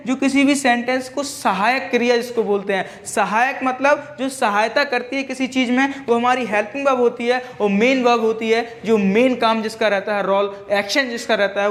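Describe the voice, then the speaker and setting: A man's voice: very high-pitched, fairly bright tone. A male teacher giving a grammar lecture. He keeps asking the class questions and answering them himself, and he mixes English grammar terms into his explanation. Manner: repeats each point as a question and answers it himself.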